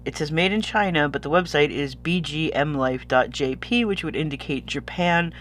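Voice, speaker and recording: A man with a slightly high voice and a sniffly sound chats casually through an unboxing. He rambles and loses his thread easily. The recording has a noticeable noisy hum. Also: normal speed, a bit bright. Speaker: vlogger showing stationery purchases.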